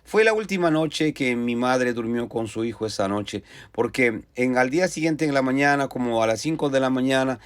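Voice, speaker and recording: A man's voice: medium pitch, animated, moderate pace, hardly any pauses, no room sound. A preacher telling a personal testimony in earnest storytelling, often repeating and restarting his phrases.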